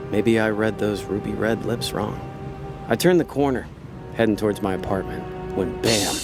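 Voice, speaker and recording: Speaking close to his everyday voice at a fairly low pitch, a man portrays a laid-back, cynical con man in a noir radio drama. His lines come out wry, slangy and world-weary over prominent music.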